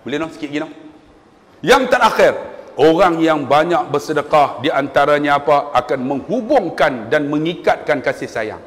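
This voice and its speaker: Male preacher, lively storyteller, fairly high voice, echoing hall. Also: moderate pace, hardly any pauses. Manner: animated, acts out voices in his stories. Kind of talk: storytelling sermon. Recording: long hall reverb.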